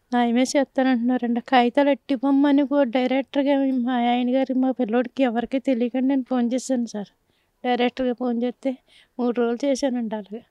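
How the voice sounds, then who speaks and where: A woman's voice: high voice, warm tone, smooth, no echo. Grieving Telugu-accented mother, dull recording. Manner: grieving, halting, pleading. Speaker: mother of the victim. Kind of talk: emotional news interview. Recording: dull lo-fi sound.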